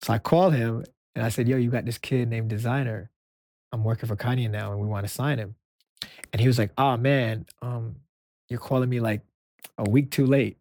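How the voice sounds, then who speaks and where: A soft-spoken man from Brooklyn, a music executive guest, telling stories in an interview and acting out the dialogue. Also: mid-range voice, brisk, no room sound, clean studio sound. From Brooklyn, New York. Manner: animated storyteller acting out quoted dialogue. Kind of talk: storytelling interview answers.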